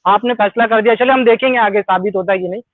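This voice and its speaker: A man's voice: sits high, no room sound. A man calling into a live debate, persistent and repeating his questions. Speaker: caller in a debate. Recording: tinny phone-line call.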